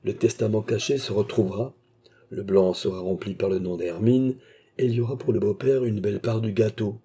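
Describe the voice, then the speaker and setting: A man's voice: lowish voice, steady tone, a little fast, warm tone, husky. A man voicing a cold, scheming male baronet who dominates the man he is speaking to, in an audiobook reading. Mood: cold, commanding.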